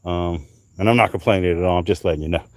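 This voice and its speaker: Talking quickly in a low, darkish voice, a middle-aged livestream host from North Carolina shows off what he's found, swearing along the way. It's a hot summer night outdoors, and the recording has no echo.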